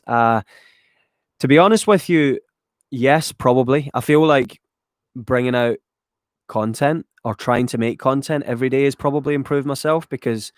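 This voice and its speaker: A man's voice: mid-range voice, dry recording. Rambling Scottish man, dry sound. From Scotland, west of Glasgow. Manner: loose and rambling, many ums, swears casually. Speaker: YouTuber answering viewer chat. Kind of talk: casual live chat reading viewer questions.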